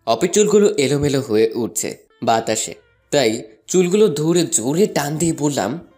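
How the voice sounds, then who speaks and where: A man's voice: on the high side, expressive, moderate pace, dark tone, faint music behind, lightly acted. A young man narrating a first-person love story and voicing a playful, teasing student in an audio drama. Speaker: narrator and lead voice actor.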